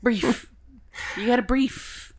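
A young adult woman co-hosts a podcast, speaking slowly in a voice on the high side. In this casual chat she tells stories, laughs often and swears casually.

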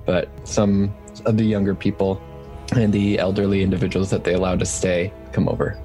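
Low, mellow male game master. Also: little pitch movement, normal speed, faint music behind. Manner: loose descriptive narration with fillers. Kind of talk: tabletop game narration.

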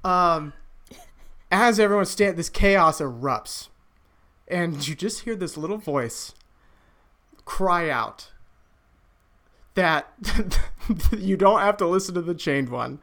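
A woman's voice: fairly low pitch, lively intonation, takes it slowly, pauses often, fairly bright tone. A woman narrating a tabletop game as game master, often breaking into laughter.

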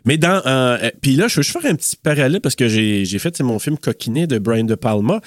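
A man's voice: mid-range voice, sing-song, a little fast, no echo, studio quality. A Québécois man co-hosting a casual film podcast, retelling scenes animatedly with lots of fillers and restarts. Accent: Québécois French. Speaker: podcast co-host. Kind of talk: casual film-review chat.

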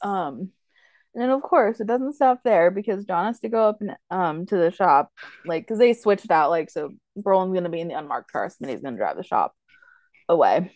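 Chatty woman with a mellow voice. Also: fairly low pitch, expressive, moderate pace, no echo. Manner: chatty, many fillers, quotes characters with laughs. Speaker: podcast co-host. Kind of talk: casual chat recapping a TV show.

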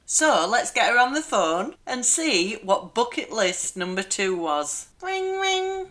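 An excitable, chatty woman in her thirties with a Yorkshire accent, hosting a podcast. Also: medium pitch, a little slow. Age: 30s. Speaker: podcast host. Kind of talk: casual chat.

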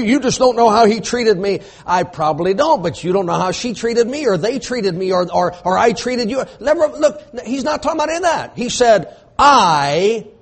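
Male preacher, high voice, fervent sermon delivery that swells to shouting. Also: breathy edge. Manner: emphatic, rising to shouts, repetitive preaching cadence.

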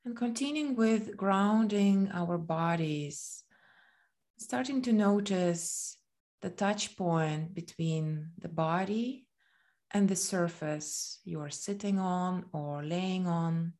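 A woman with a rather low voice leads a body scan meditation, speaking very slowly and gently. She leaves long pauses between her short phrases, and her delivery stays soothing and unhurried the whole way through.

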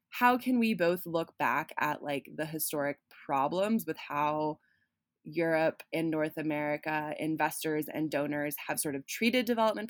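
Woman, low voice, podcast host, casual, rambling with fillers, dry sound. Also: dry recording. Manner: rambling, many fillers and restarts.

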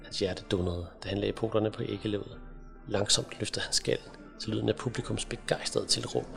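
Gravelly low-voiced male storyteller. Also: fairly even intonation, over music. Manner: measured, dramatic storytelling. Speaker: audiobook narrator. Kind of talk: scripted fantasy narration.

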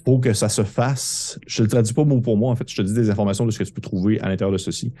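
A man with a Québécois French accent, narrating a tabletop game as game master in rambling, halting explanations full of fillers. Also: lowish voice, steady tone, dark tone, faint music behind.

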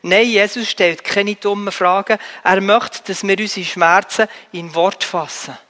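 High, bright-voiced preacher man in a hall. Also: fairly even intonation. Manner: earnest, pleading, often halting with fillers. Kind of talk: sermon.

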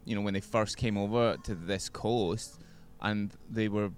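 A man appearing as a podcast guest, giving measured, thoughtful opinions about beer in casual chat. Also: on the low side, steady tone, faint music behind.

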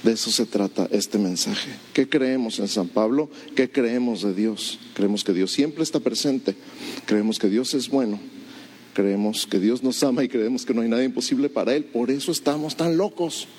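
A man, a pastor preaching an animated storytelling sermon in a church, asking the congregation rhetorical questions. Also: mid-range voice, normal speed, breathy edge.

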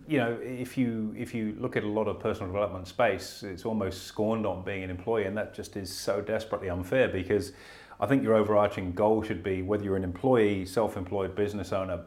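Low-voiced man hosting a talk show. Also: darkish tone. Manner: earnest, self-correcting, stammers on restarts. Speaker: host. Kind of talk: casual podcast chat about investing.

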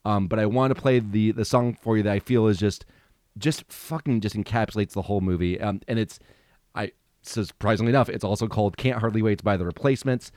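Rambling, profane man with a low voice. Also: a little fast, a little mellow, no room sound, studio quality. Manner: rambling, profane, full of fillers. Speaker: podcast co-host. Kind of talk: casual chat.

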